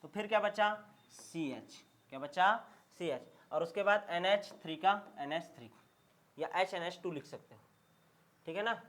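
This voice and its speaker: A man's voice: high-pitched, a little slow, a bit bright. A man teaching a chemistry lecture, drilling his class by asking each question twice and often checking they follow. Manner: call-and-response drilling, repeats questions and answers; emphatic, checks understanding often.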